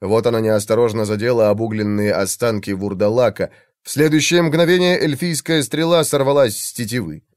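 A man reading a fantasy novel aloud in a measured, dramatic narration. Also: mid-range voice, no echo, clean studio sound. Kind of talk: audiobook narration.

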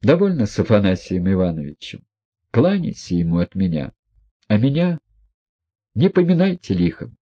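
A man reading an audiobook, voicing a proud, defiant young woman who gives commands in loud exclamations. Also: fairly low pitch, very animated, normal speed, pauses often, highs cut off. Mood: imperious.

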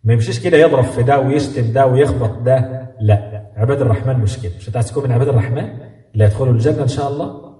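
A man's voice: mid-range voice, rapid-fire, dark tone, reverberant, big-room sound, distant mic. A man with an Egyptian Arabic accent giving a Quran lesson as a sheikh, talking in a fatherly, coaxing way and answering questions. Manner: fatherly, coaxing, acts out parent-child talk. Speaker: sheikh teaching Quran commentary. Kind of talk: spoken religious lesson with live questions.

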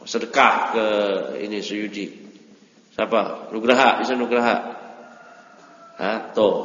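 Teasing male teacher in an echoey hall. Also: mid-range voice. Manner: teasing, scolding, prods with frequent questions. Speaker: religious teacher. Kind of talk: study circle lesson, correcting a student's reading. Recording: roomy, long reverb, dull lo-fi sound.

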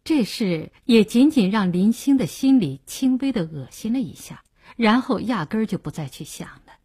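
A woman narrating a novel as an audiobook in a measured, expressive storytelling manner. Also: mid-range voice, breathy edge.

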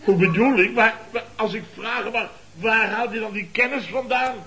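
In a radio comedy, an actor voices a blustering, indignant middle-aged man who runs a building firm, exclaiming and repeating himself. The male voice sits high and steady at a normal speed, sounding pushed and bright.

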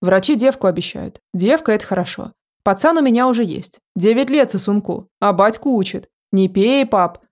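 A woman voicing a chatty, boastful drunk man who talks in rough slang. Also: medium pitch, lively intonation, normal speed, few pauses, a little mellow, lightly acted.

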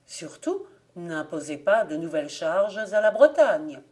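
A shrewd duchess who speaks in a firm, mocking tone, as a woman reading the tale puts her on. Her voice sits fairly low, in a storybook legend. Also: very animated, measured pace, a little mellow.

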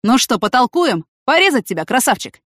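A woman's voice: on the high side, very animated, brisk, fairly bright tone, no echo, studio quality, voice pushed up. Woman voicing a crude male thug, jeering, menacing, raised voice. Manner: rough, jeering threats.

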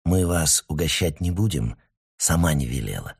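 A man voicing a meek, worn-out older husband who speaks quietly and mildly, in a storybook reading. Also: very deep voice, animated, normal speed, creaky, husky, heavily acted. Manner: quiet, mild.

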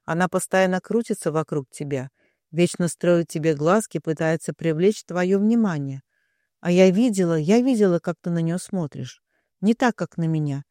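A woman's voice: mid-range voice, moderate pace, warm tone, no echo, clean studio sound, lightly acted. A man voicing a jealous young woman who stammers and pleads through tears in an audiobook. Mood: tearful pleading.

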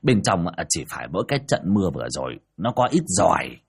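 A man's voice: deep voice, sing-song, quick pace, vocal fry, husky, full character voice. A man voicing a joking, fretful old male village medium who pleads and banters. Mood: wheedling.

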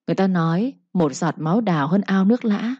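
A woman's voice: medium pitch, animated, quick pace, slightly rough, dry recording, highs cut off. A woman voicing a scheming younger second wife who speaks with a falsely sweet, coaxing tone, in a storybook reading.

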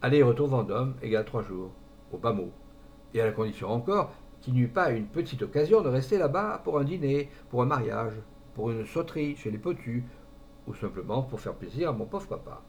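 Man doing a gentle rambling middle-aged friend. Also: mid-range voice, lively intonation, a little fast, a little hiss or hum, close to an everyday voice. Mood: confiding.

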